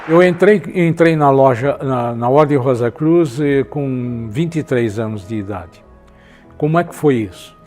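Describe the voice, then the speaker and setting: An older man, telling a documentary interviewer a lively story and acting out the dialogue. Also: medium pitch, measured pace, faint music behind. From Brazil. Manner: animated storyteller, acts out dialogue. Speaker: interviewee recalling the past.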